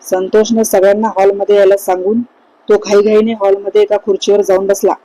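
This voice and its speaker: A woman narrating a horror story in a measured, suspenseful way. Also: medium pitch, flat delivery, dark tone, dry recording, low-quality recording.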